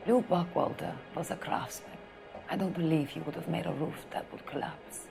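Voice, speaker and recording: A woman's voice: low voice, normal speed, creaky, over music. An actress playing a determined, composed woman client with a formal, insistent way of talking in a 1940s noir video game.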